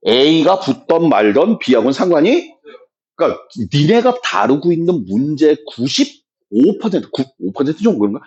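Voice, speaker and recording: A man teaching math to students, speaking bluntly and roughly, swinging between loud emphasis and low muttered asides. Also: lo-fi sound. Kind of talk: classroom lecture.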